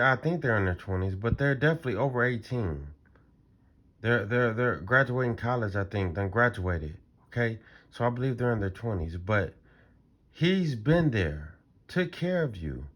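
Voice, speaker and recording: A man's voice: medium pitch, expressive, moderate pace, a bit bright. A man hosting a reaction channel, talking casually and in disbelief about a clip he is watching. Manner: incredulous, repetitive, conversational.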